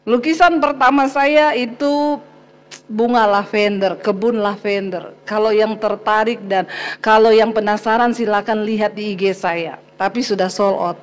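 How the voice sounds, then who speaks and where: A woman pastor preaching a sermon as a lively personal story, speaking straight to the congregation and laughing often. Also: medium pitch, measured pace. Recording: long hall reverb.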